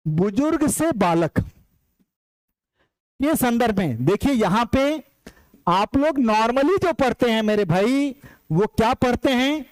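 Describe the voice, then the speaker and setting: A man with a very high-pitched voice gives an online exam-prep lecture, emphatic and repetitive, drilling key points while calling his viewers "brothers." There is no echo, though the recording is rough.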